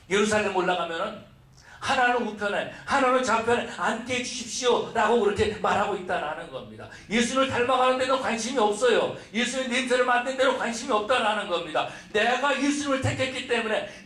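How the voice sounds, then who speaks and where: A man's voice: sits high, a bit bright. Pastor guy preaching, keeps asking the crowd questions, roomy sound, mic kinda far off. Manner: preaching with rhetorical questions and acted-out complaints. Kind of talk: sermon. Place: church sanctuary. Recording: echoey church mic from a distance.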